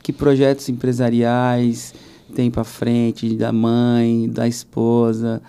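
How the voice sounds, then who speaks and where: A man with a Brazilian Portuguese accent hosting a church podcast, asking his guest questions in a calm, encouraging way. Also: medium pitch, slow, smooth. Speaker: podcast host. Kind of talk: casual interview hosting.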